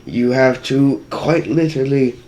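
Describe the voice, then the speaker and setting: In a how-to tutorial vlog, a cosplay maker walks viewers through his build in an affected British accent, rambling, jokey, and self-deprecating. His mid-range, darkish voice moves a little slowly and sounds muffled by the costume helmet he's wearing.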